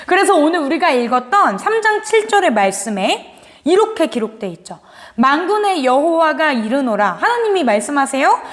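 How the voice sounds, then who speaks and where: A woman giving a children's sermon, telling the story in an animated way and speaking directly to the kids. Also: high voice, brisk. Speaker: children's pastor. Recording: long hall reverb.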